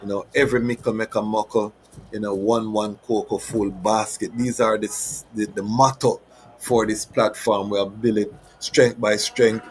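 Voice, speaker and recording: A man's voice: fairly low pitch, little pitch movement, moderate pace, a little hiss or hum, low-quality recording. Jamaican man talking in Rasta speech. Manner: Rasta speech with patois phrases and proverbs. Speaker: host of a Rastafari reasoning platform. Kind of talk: informal appeal to the audience, closing out a show.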